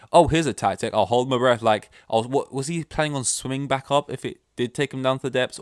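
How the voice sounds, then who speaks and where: Speaking into a wired desk microphone at home, with his dog nearby, a young podcast host rambles on his own show and curses casually. The mid-range voice comes through dry, at studio quality.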